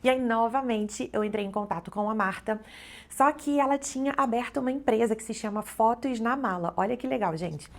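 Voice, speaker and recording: Talking casually to the camera, a middle-aged Brazilian travel vlogger and photographer chats with her viewers, often dropping in "né" and "então." She speaks a little fast, with a voice on the high side and a Brazilian Portuguese accent.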